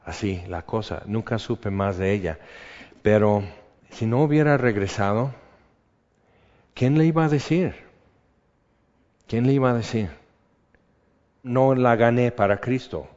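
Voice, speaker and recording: A man preaches in a low voice, moving between a personal story and Bible reading. He talks conversationally and often drops to quiet asides. The recording sounds dull, with long hall reverb. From rural upbringing.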